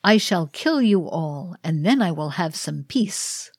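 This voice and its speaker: A woman voicing a cruel, cold dragon of winter in a read-aloud ritual play, slow and threatening. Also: lowish voice, animated, breathy edge, dry recording, studio quality, exaggerated voice. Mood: menacing.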